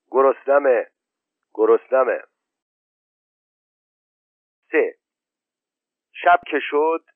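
A man narrating an audiobook in a measured, steady storytelling manner, on a tinny, narrow-band recording. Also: on the low side, no echo.

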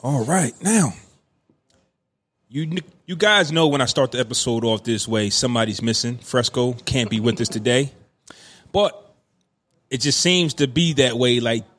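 A man's voice: medium pitch, unhurried, pauses often, a bit bright. A man in his thirties hosts a podcast in a middle-register voice. He talks casually and playfully, with plenty of slang and hyped-up greetings. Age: 30s. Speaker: podcast host. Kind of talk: casual chat.

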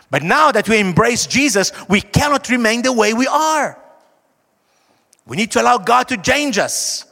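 A man with a broad South African accent preaching a conversational sermon, emphatic, with dramatic pauses and slowed, stressed phrases. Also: high voice, gravelly, pushed and bright. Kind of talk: sermon, conversational Bible teaching. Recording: echoey hall with long reverb.

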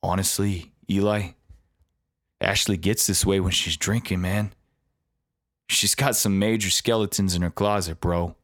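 A man's voice: low-pitched, fairly even intonation, a little slow, a bit bright, no room sound, clean studio sound. A man voicing an embarrassed young friend who talks in a laid-back, slangy way.

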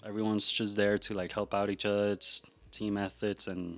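A man hosts a casual podcast chat, his voice sitting low and recorded dry with no room sound. He talks in a loose, rambling way, circling back and restarting his sentences as he explains an idea. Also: normal speed, dry recording. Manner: relaxed, rambling, with frequent restarts. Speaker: podcast host.

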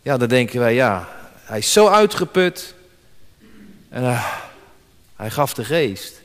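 A man's voice: mid-range voice, big pitch swings, slow pace, a bit bright, long reverb tail. A man preaching a sermon as pastor, emphatic and repeating key words for weight.

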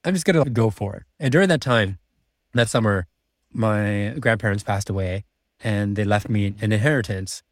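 On a podcast interview, a man in his thirties, an MBA student and finance executive born in China, raised in Prague and now in Vancouver, earnestly recounts his path to business school with frequent restarts. His voice is on the low side at a moderate pace, in studio quality without echo.

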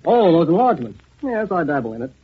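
A man's voice: a little high, very animated, quick pace, breathy edge. An actor playing a nervous wealthy older father, fretful and strained, in 1940s radio acting, on a tinny old radio broadcast. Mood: anxious. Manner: anxious, fretful. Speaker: wealthy estate owner and father.

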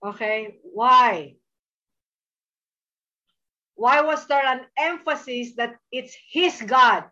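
A woman's voice: high voice, drawn-out words, bright, forceful tone. A woman with a Filipino accent preaching a sermon, stressing her points and checking in with her listeners through frequent tag questions. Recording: dull lo-fi recording.

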